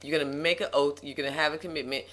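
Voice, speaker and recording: Woman, casual faith chat, preachy emphasis, animated delivery. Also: low-pitched, very fast.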